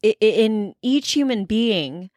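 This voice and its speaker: Slow, animated woman on a podcast. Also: mid-range voice, no echo, clean studio sound. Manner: rambling, halting, stammers while thinking aloud. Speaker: podcast co-host. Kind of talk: casual movie podcast chat.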